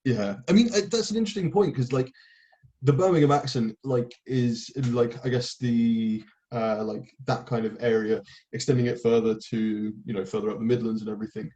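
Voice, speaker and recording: In a laid-back conversation about poetry, this young podcast host rambles with enthusiasm and drops casual swear words. He speaks at a normal speed in a mellow, mid-range voice.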